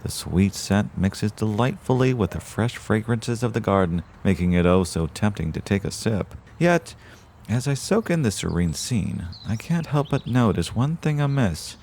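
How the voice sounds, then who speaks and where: In an audio drama styled as mock radio-show narration, a man plays a verbose, genteel small-town podcast host and dutiful son, speaking in folksy, flowery phrases. His lowish, darkish voice has lively intonation and a normal pace, with a little hiss or hum, and he sounds relieved and genial.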